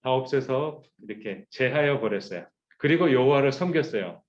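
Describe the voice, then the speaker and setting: A man's voice: medium pitch, lively intonation, moderate pace, lo-fi sound. A man preaching a sermon to teenagers, leading group Bible readings and acting out the voices in his story. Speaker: pastor. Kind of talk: youth sermon.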